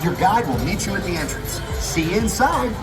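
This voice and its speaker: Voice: mid-range voice, very animated, fairly quick, over a noisy crowd, lightly acted. An actor voicing a cheerful ride announcer, giving upbeat scripted instructions in the manner of an airport announcement. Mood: cheerful, instructing. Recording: echoey, distant, loud music behind.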